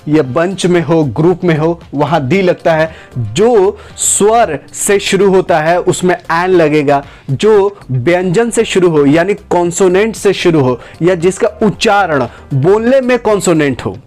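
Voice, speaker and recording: A man gives a spoken English lesson in a high, light voice. He talks in a steady stream and draws the example sentences out slowly. Faint music sits low behind him. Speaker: English teacher.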